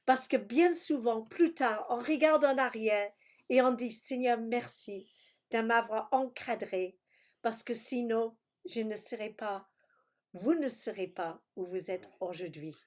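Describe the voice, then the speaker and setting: Woman preacher on a video call, talks slow, bit of a high voice, gropes for words, says alleluia a lot. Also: a little mellow. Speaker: pastor. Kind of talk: sermon teaching over video call.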